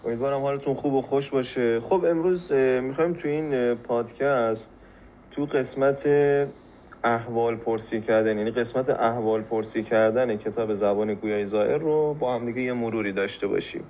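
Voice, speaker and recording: A man from Iran teaching a spoken language lesson on a podcast. He explains patiently, repeats phrases slowly and asks rhetorical questions. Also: medium pitch, a little mellow, highs cut off, slight background noise.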